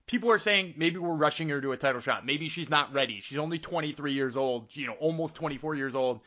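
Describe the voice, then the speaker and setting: Bright, forceful male sports podcast host. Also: a little high, quick pace. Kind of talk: casual sports talk show hosting. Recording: slightly dull, lo-fi sound.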